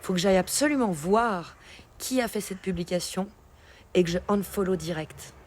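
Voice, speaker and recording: A woman's voice: medium pitch, animated, normal speed, a little hiss or hum. A woman hosting a casual live stream, chatting and laughing with her viewers as she reads the chat. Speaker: livestream host.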